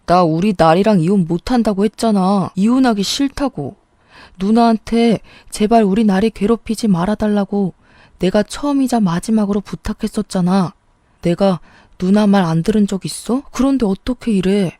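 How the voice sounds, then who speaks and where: A desperate young husband begs and weeps, as a woman narrator voices him. His voice is dark and mellow, recorded dry and close. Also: mid-range voice, normal speed, no echo, close to an everyday voice. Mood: anguished. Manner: pleading, tearful.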